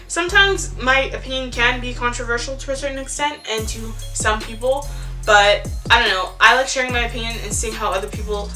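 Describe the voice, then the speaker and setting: Chatty teenage girl vlogger over music. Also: on the high side. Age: teens. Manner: chatty, rambling, lots of "like" and "ew". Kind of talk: casual chat to camera. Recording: music playing under the voice.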